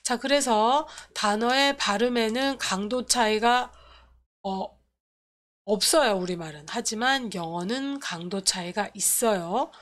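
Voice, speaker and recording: A woman's voice: on the high side, unhurried, a bit bright. A woman teaching English pronunciation and grammar in an explanatory lecture, restating each point and opening sentences with "so". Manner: explanatory, repeats points, starts lines with "so".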